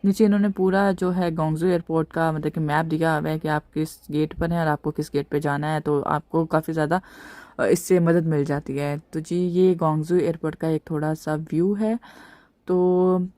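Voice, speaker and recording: A woman's voice: low voice, fairly even intonation, normal speed, mellow, no room sound. A woman from Pakistan, chatting casually as a travel vlogger, giving advice and using many fillers while she tours an airport. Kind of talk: casual travel-guide narration. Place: airport terminal, recorded while touring.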